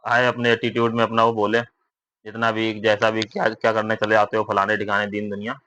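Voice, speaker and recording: In a dull lo-fi recording, a young man updates his viewers on recruitment in a conversational way, frequently tacking on tag questions to check they agree. His voice is lowish, monotone, a little fast, and sharp.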